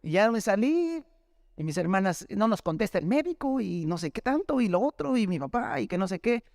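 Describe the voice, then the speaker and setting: A man's voice: sits high, big pitch swings, fairly quick, gravelly, a little mellow, no echo, studio quality. A man with a Mexican accent, a pastor preaching a sermon through a personal testimony, talking in a conversational storytelling way and often addressing listeners as brother. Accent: Mexican Spanish.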